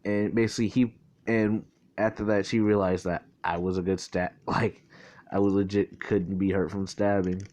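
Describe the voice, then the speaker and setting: A man's voice: deep voice, little pitch movement, normal speed, a little mellow. A man casually retelling a fan-made crossover story, rambling with lots of filler words and swearing, his mouth getting dry.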